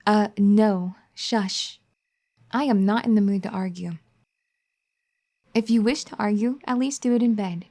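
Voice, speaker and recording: An ASMR roleplay performer voices a firm but caring young wife, speaking to the listener at medium pitch and a measured pace with long pauses. Her mood is scolding and sassy, with bossy, teasing scolding that turns gentle and pleading.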